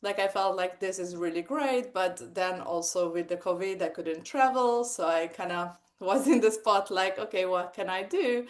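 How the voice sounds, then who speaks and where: A woman's voice: mid-range voice, moderate pace, hardly any pauses. A woman in her forties from Hungary, speaking English with a Hungarian accent, telling her story animatedly in an interview with many fillers. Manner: animated, lots of fillers and acted-out quotes. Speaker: guest, sex coach and hypnotherapist. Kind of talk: casual interview chat.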